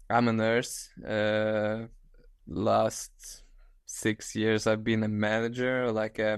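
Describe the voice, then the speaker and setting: Guest: Lithuanian-accented man, 30s, halting and restarting, clear, dry video-call sound. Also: on the low side, no room sound. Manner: halting, restarts often, laughs easily. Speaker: guest, ultra-distance cyclist. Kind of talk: casual interview on video call. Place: small room at home, indoors.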